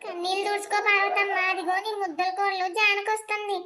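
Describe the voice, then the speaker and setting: A woman's voice: extremely high pitch, flat delivery, fast, a loud crowd. A woman voicing a sly meddling neighbor aunt. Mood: mocking. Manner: sly, mocking. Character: meddling middle-aged female neighbor, gossipy. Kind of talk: cartoon voice acting.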